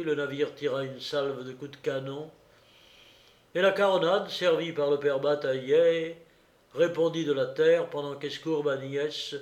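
A man reading a classic novel aloud, slow and deliberate, with an occasional hesitation. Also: fairly high pitch, a little mellow, lo-fi sound. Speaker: reader. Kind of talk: audiobook narration of a classic novel. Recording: roomy echo.

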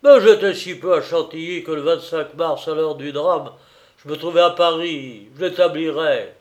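A defiant young male suspect, voiced by a man reading aloud pleads and argues with rising force. The voice sits slightly high and loud. A storybook courtroom drama. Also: moderate pace, lightly acted. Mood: angry.

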